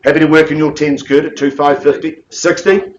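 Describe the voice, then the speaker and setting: Male auctioneer, slightly high voice, calling property bids with repeated figures and persuasive nudges to buyers. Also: little pitch movement, fairly quick, muffled recording. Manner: repeats bid figures, coaxing bidders.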